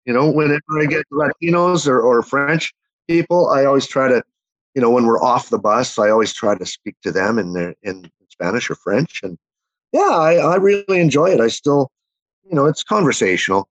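A man's voice: medium pitch, animated, normal speed, no room sound, highs cut off. Chatty canadian man reminiscing. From Winnipeg, Manitoba, Canada. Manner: rambling storyteller, many fillers and restarts. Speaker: interview guest. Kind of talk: casual chat, reminiscing.

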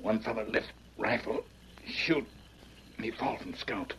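Tonto, husky, halting radio-western scout. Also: male voice, on the low side. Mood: pained, halting. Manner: terse, broken English with grunts. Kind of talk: old-time radio western acting. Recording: muffled old radio recording.

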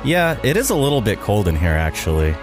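A man playing a frazzled young male video editor, prone to yelping, excitable outbursts. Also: lowish voice, a little fast, over music, voice pushed down. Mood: bewildered.

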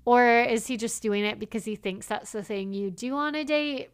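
A woman co-hosts a podcast, chatting casually, acting out quoted lines, and using lots of "like" fillers. Her voice is on the high side, smooth, at a normal speed.

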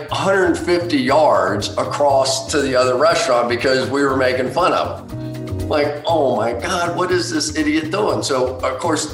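A man telling anecdotes in an interview, animated and acting out what others said. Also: medium pitch, reverberant. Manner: animated, acts out others' lines. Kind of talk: anecdotal storytelling.

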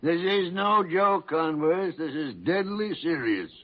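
An actor playing a blunt, commanding doctor in an old-time radio drama, emphatic and brusque. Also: male voice, on the high side, lively intonation, unhurried. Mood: grave, brusque. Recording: dull lo-fi old radio recording.

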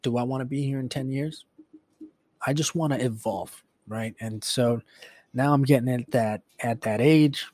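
In his late twenties, this man hosts a solo podcast, musing casually and rambling with plenty of fillers and swearing. His voice is medium in pitch, a little mellow, and moves at a moderate pace, with no room sound.

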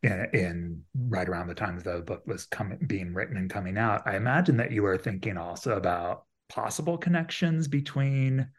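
Measured man asking interview questions. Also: lowish voice, husky. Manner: measured, with thoughtful hesitations.

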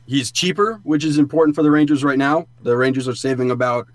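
A man's voice: medium pitch, fairly even intonation, fast talker, no echo. A man co-hosting a sports podcast, explaining things in an informal, conversational way. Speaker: podcast co-host. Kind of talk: casual sports analysis chat. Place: sound booth in a studio.

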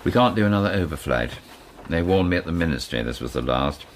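An actor playing a haughty, middle-aged British spy chief in a drama, pompous and offhand in manner. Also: male voice, low voice, expressive, fast talker, slight background noise. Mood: scheming, musing. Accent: British English. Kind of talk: naturalistic spy drama dialogue.

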